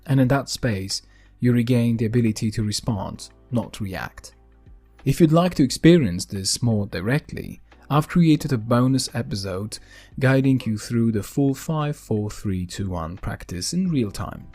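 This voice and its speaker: Calm, gentle man guiding a grounding exercise. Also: medium pitch, faint music behind. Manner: calm, gentle, unhurried delivery with deliberate pauses. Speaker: podcast host. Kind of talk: calm guided grounding exercise, scripted narration.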